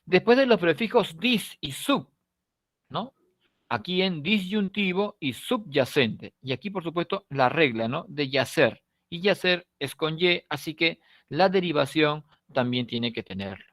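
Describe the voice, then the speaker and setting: A Peruvian man with a somewhat high voice gives a recorded lesson, explaining patiently and checking in after nearly every point. He draws out key words and lets his phrases fade at the end. The sound is dry and close. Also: lively intonation, no echo. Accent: Peruvian Spanish. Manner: explanatory, checks in with frequent tag questions; stretches key words slowly, trails off softly at phrase ends. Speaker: teacher. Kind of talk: recorded online class lecture.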